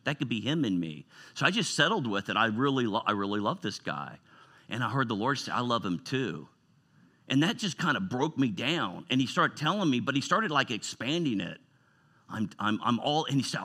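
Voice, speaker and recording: A man's voice: mid-range voice, lively intonation, a little fast, pushed and bright. A middle-aged man, a retired pastor telling personal stories in an informal, conversational sermon. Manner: storytelling, conversational, emotional asides.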